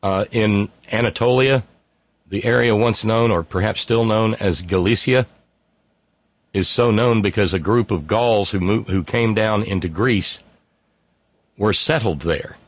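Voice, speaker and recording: In a dry recording, a man with a lowish voice and measured pace hosts a stream and reads viewer comments. His unscripted talk wanders, wry and casual, with plenty of fillers and restarts.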